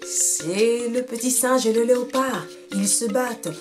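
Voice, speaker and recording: A curious giraffe explains the scuffle in a chatty, slightly raised voice, as a woman storyteller puts her on. Music plays softly underneath. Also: fairly high pitch, measured pace, close to an everyday voice. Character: gossipy female giraffe, curious onlooker. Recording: music playing behind.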